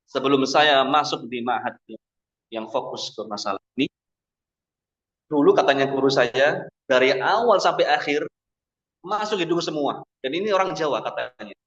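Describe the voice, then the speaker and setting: A man teaching Quran recitation, slowly demonstrating each sound with drawn-out chanting. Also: mid-range voice, fairly bright tone. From Indonesia. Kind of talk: tajwid lesson with demonstrations. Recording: dull lo-fi recording.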